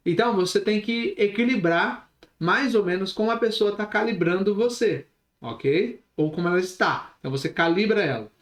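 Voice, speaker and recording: Expressive Brazilian man teaching a class. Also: high voice, moderate pace, echoey room. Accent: Brazilian Portuguese. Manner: expressive, gestures while talking. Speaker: instructor. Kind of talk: recorded online class.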